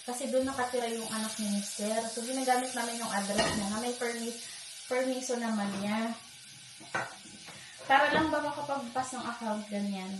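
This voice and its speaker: A woman's voice: on the high side, moderate pace, noisy background. A woman from the Philippines, a vlogger, chatting confidingly as she tells her viewers a story. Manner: chatty, confiding, keeps addressing viewers directly. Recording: echoey room, voice distant from mic.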